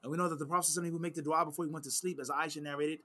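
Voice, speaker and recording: An Islamic teacher answers questions in a sit-down conversation, explaining religious principles in a slightly high, tense, forceful voice that stays steady while racing along. He repeats key phrases for emphasis and weaves in Arabic quotations.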